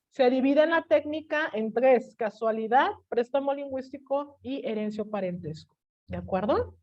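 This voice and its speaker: A Mexican woman teaching an online class, telling a personal story in a lively way and acting out the voices of the people she quotes. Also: a little high, muffled recording.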